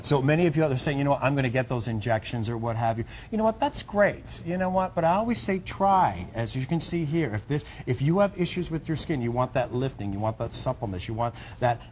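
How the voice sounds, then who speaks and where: A middle-aged man giving a home shopping host's sales pitch, chatty and repetitive, urging listeners directly. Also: a little mellow, a little hiss or hum.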